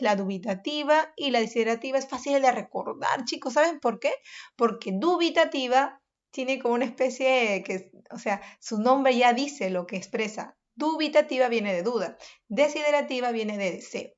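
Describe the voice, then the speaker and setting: A woman's voice: on the high side, moderate pace, highs cut off. Woman teacher explaining a lesson patiently. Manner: explains step by step, addresses pupils as chicos. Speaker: primary school teacher. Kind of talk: online review lesson.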